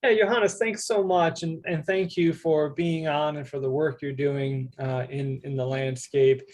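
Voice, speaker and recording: A man with a fairly high voice moderates a webinar over a video call. He is courteous and brisk as he thanks people and steers the talk. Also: steady tone, darkish tone.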